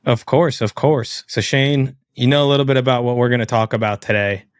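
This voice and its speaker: A man's voice: mid-range voice, a little fast, clean tone, no echo, clean studio sound. Guy hosting a podcast interview, normal mid voice, chatty and casual.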